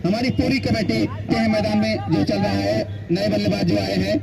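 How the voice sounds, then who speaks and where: A man giving excited live cricket commentary, repeating phrases for emphasis. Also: sits high, normal speed, a loud crowd.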